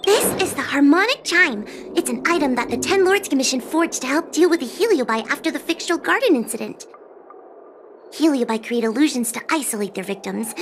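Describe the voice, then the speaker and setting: A very high-pitched, timid young fox-girl exorcist in anime-style game voice acting, stammering through her expertise. She sounds animated, earnest and unsure, speaking a little fast in a hesitant, apologetic way. Game music plays behind her, with a slight hiss or hum.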